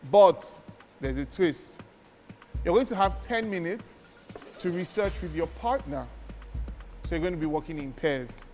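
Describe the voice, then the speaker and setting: A man hosts a cooking contest, calling out instructions with energy and a somewhat high voice. His words ring with a long reverb on a studio set, and faint music plays underneath. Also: animated, measured pace, pauses often, a little mellow. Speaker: host. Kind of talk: hosting a reality cooking show.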